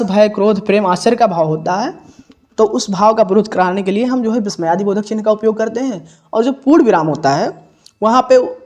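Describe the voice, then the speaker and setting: A man's voice: sits high, darkish tone. A male teacher solving an exam paper in a lesson, explaining step by step with many repetitions and self-corrections.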